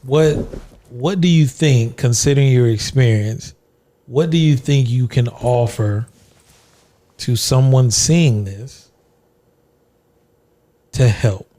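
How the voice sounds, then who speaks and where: Guy hosting a podcast, talks slow and careful, darkish voice. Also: medium pitch, warm tone. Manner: measured, deliberate questions. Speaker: podcast host. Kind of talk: interview conversation.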